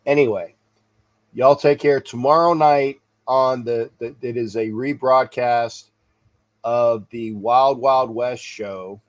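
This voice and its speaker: A sports talk show host, sounding congested, wraps up his livestream with casual, repetitive rambling and little chuckles to himself. He speaks slowly and steadily at a medium pitch.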